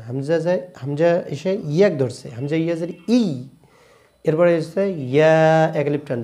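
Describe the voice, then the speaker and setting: A man with a Bangladeshi Bengali accent teaching correct Quran pronunciation, switching between brisk explanations and slow, drawn-out chanted recitation. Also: fairly high pitch, dark tone. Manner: alternates quick explanations with slow drawn-out chanted Arabic phrases.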